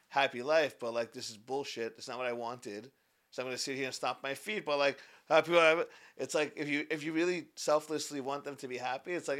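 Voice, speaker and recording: Man in his twenties, bright tone, animated, repeats words, acts out quotes, podcast guest. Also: medium pitch. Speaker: podcast guest, business founder. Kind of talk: casual podcast chat.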